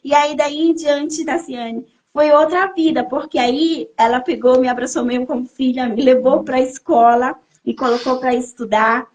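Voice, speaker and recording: A woman's voice: high voice, steady tone, moderate pace, few pauses, darkish tone. A woman in her thirties from Brazil, a podcast guest telling her life story as an emotional testimony and repeating phrases for emphasis. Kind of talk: personal testimony in a podcast interview.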